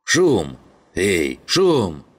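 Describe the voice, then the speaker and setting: A man voicing a gruff, bossy male scavenger leader who swears and barks orders. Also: a bass voice, a little slow, a bit bright. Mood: commanding. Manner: rough, swearing, barking orders.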